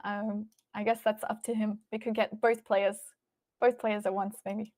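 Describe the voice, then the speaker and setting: A woman's voice: mid-range voice, little pitch movement, moderate pace, darkish tone. An Australian-accented woman hosting a livestream, chatting casually and informally as she thinks aloud and responds to viewers. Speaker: livestream host. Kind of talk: casual livestream chat, reading and answering viewer messages.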